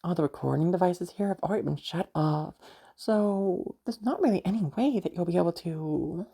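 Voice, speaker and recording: In an amateur audio roleplay, a woman plays a cruel, pious, domineering mother, taunting and condescending with long drawn-out pauses and hums. Her voice is fairly low, dark, slightly rough, and animated, carrying a mocking menace.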